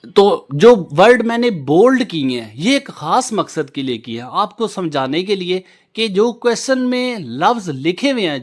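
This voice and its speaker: A man, teaching an exam-prep lesson. He is earnest and reassuring. He goes over each point step by step and repeats it. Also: high-pitched. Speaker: English teacher.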